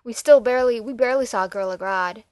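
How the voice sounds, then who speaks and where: A woman with a high-pitched voice chats with her co-host in an easygoing way and chimes in often. The sound is dry and close, with no room around it. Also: fast talker, a little mellow, no echo. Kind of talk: casual chat about comic book shows.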